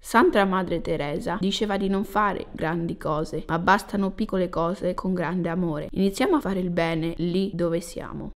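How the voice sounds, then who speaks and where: A woman's voice: fairly low pitch, steady tone, normal speed, hardly any pauses, natural voice. A woman voicing a cheerful, kind-hearted schoolboy who is polite and playful, in an Italian film dub.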